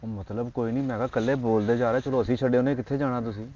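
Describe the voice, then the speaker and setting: Fast-talking cheeky Punjabi man. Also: mid-range voice, steady tone, crowd noise. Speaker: comic actor as a flirting neighbour. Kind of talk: Punjabi comedy sketch acting. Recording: dull lo-fi audio with faint noise.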